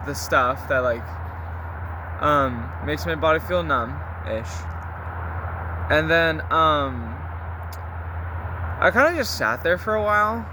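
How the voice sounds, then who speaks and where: A young man with a slightly high voice talks as if to his diary, casual and confessional. He rambles in loose slang with the odd mild swear. Clear ambient noise, like traffic outside, sits behind him. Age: young adult. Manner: rambling, slangy, mildly profane. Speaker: vlogger recording a spoken diary. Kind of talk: casual confessional chat to listeners.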